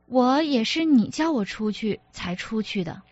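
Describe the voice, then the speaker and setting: A woman's voice: a little high, animated, a little slow, a little mellow, no echo, lo-fi sound. A woman reader voicing an apologetic, exasperated young husband who pleads and defends himself, as an audiobook character. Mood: placating.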